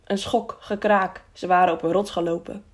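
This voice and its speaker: A woman reading a children's adventure audiobook in a steady, expressive storytelling voice. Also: on the low side, moderate pace, slightly rough. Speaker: audiobook narrator. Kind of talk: audiobook narration.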